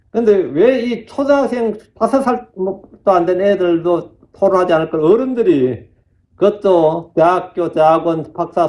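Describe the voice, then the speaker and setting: A man's voice: high-pitched, mellow. A male pastor gives a conversational sermon. He quotes scripture and laughs at his own remarks.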